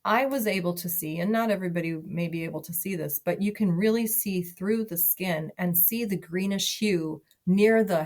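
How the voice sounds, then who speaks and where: Woman chatting on a podcast, kinda low voice, lots of ums and restarts. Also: darkish tone. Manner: chatty, many fillers and restarts. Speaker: guest. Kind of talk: casual conversation.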